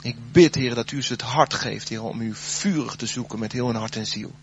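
A man preaching a sermon, then leading a spoken prayer, his voice swelling loud and dropping soft. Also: medium pitch, fairly quick, highs cut off, slight background noise.

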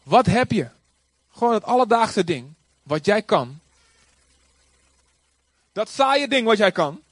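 A man preaching a sermon in a lively, conversational way, joking and acting out quotes. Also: sits high, takes it slowly, no room sound. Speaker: pastor.

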